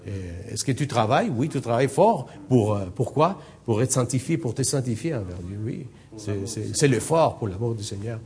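A man's voice: mid-range voice, expressive, moderate pace, few pauses, darkish tone. Guy with an accent leading bible study, lots of uh and restarts, earnest pushing tone. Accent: non-native French accent. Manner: hesitant, many fillers and restarts, earnest and exhorting. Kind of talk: informal Bible study teaching.

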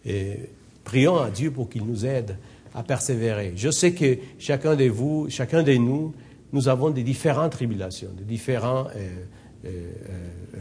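A man with a foreign accent leading a Bible study, exhorting the group and often pausing, with many fillers and restarts. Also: medium pitch, darkish tone, a little hiss or hum. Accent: non-native French accent. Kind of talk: informal Bible study teaching.

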